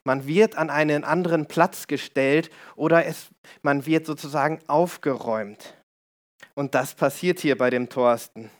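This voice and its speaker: A man's voice: a little high, measured pace. A man with a slightly raised voice delivers a storytelling sermon. He explains things in a conversational way and turns to his listeners with small asides.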